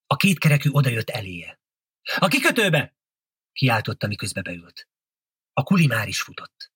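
A man reading a novel aloud as an audiobook narrator, in a steady storytelling delivery. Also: medium pitch, husky, no room sound, studio quality.

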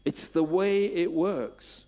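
A man preaching a sermon, asking repeated questions and building to emphatic, louder bursts. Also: high voice, slow.

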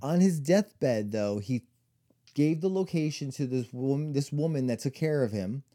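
Rambling, dark-voiced man telling stories. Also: medium pitch, animated, a little slow. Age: 40s. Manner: rambling storyteller full of "like" and "you know". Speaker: podcast co-host. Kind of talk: casual chat, storytelling.

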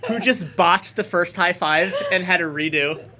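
A man's voice: high-pitched, moderate pace, very noisy. A man guest-hosting a casual podcast, handing out scores in a playful, mock-official way. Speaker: guest co-host.

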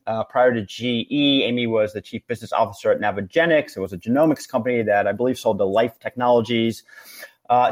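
A man hosting a podcast, explaining things conversationally with halting, repeated words. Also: medium pitch, darkish tone. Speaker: podcast host.

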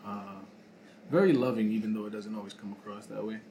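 A man with a fairly low voice talks in a relaxed podcast chat. He muses slowly, with many ums and restarts. Clear background noise runs under the recording. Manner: reflective, hesitant with many fillers. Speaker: podcast co-host. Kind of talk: casual chat. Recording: noisy room recording.

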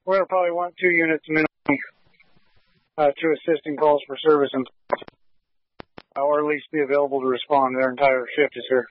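A man's voice: a little high, little pitch movement, fairly quick, pauses often, dry recording. A male police officer speaking matter-of-factly in brief radio calls to other units. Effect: two-way radio transmission. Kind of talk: radio traffic between officers. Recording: muffled radio audio.

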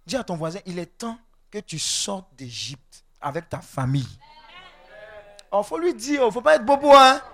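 A man preaching a charismatic sermon, calling out to the congregation, swinging between shouts and low, quiet stretches. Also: lively intonation, normal speed. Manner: call-and-response, shouting and then dropping low, exclamations.

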